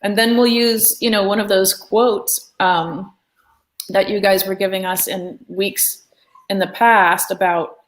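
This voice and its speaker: A woman's voice: mid-range voice, steady tone, takes it slowly, rough recording. A woman hosting a live art lesson, talking casually and rambling with filler words. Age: adult. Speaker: art class host. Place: art studio room.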